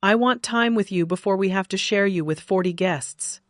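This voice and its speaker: A woman's voice: medium pitch, moderate pace, no room sound, clean studio sound, close to an everyday voice. A woman reading the lines of a caring young male doctor, a husband who speaks eagerly and tenderly.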